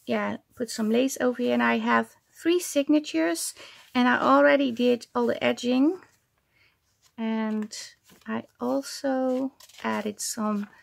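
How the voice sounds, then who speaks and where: A woman's voice: fairly high pitch, gravelly. A woman hosting a casual crafting vlog, chatting at her desk and often stopping with ums as she searches for words. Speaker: junk journal crafter and channel host.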